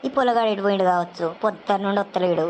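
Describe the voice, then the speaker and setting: A woman with a Telangana Telugu accent playing a quarrelsome village woman who curses loudly at stray hens. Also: mid-range voice, rapid-fire, slight background noise, lightly acted. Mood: ranting. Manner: loud cursing rant.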